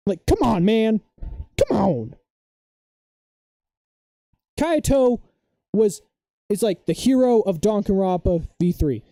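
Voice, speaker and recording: A young man chatting casually on a live stream, rambling and excitable, loudly defending his opinions. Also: sits high, dry recording, clean studio sound.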